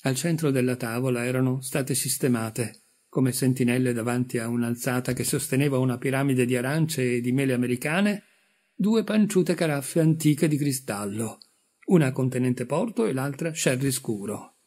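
A man reads a literary story aloud at an unhurried, measured pace. His voice is dark and mellow with a husky edge. The delivery is steady narration. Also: medium pitch. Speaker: audiobook reader.

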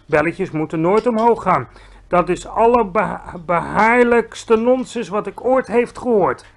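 A male storyteller voices a big, friendly, eccentric giant for a read-aloud storybook, bellowing and stretching his words out slowly. The voice is gravelly and exaggerated, high and lively for a man, full of loud exclamations and mangled grammar as the giant explains his strange world.

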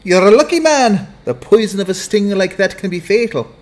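In a dramatized fantasy audiobook, a man with a high-pitched voice, lively intonation, and moderate pace plays a slick, fatherly sports agent and hustler. Genial, smooth, and wheedling, he calls listeners "son".

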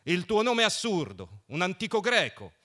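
A man voicing a plump, jovial young man who mocks and mock-preaches in a loud, theatrical way. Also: high-pitched, huge pitch swings, normal speed, voice pushed up, full character voice. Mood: boisterous mocking.

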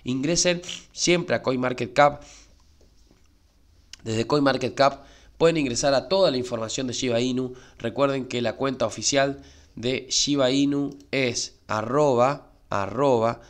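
A man with an Argentine Spanish accent who runs a crypto channel on YouTube and talks to viewers casually, with lots of "eh" and "¿sí?". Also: mid-range voice. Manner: chatty, repeats filler "eh" and asks "¿sí?". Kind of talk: casual spoken market commentary.

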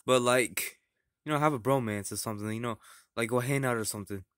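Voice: medium pitch, quick pace, a bit bright, smooth, dry recording, studio quality, close to an everyday voice. A performer voicing a dim-witted, laid-back male chef puppet in a plush comedy sketch, mumbling and trailing off hesitantly.

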